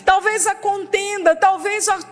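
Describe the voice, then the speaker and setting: Woman, Brazilian accent, pastor, very high pitch, fervent sermon, reverberant church hall, faint music. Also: steady tone, a little slow. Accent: Brazilian Portuguese. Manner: impassioned preaching with prophetic declarations.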